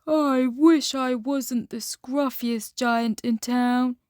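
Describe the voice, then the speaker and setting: Lady doing a friendly proud giant guy for a kids story, hearty and singsong, slow, kinda high. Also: fairly even intonation, darkish tone, no room sound, studio quality. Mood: wistful. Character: kind, cheerful, proud male giant in a storybook.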